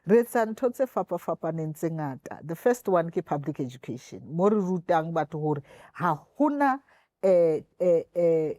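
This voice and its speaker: Female interview guest, Sotho accent from South Africa, explaining in a mellow, fairly low voice, dry recording. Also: no room sound. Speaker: interview guest, equality commission chairperson. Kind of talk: explanatory interview talk, switching between languages.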